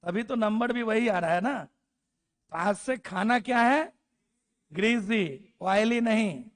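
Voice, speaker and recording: Male classroom grammar teacher, pitched high, unhurried, drills word lists and teases his students. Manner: drills word lists aloud, spells letters out, scolds students jokingly. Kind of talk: classroom lecture.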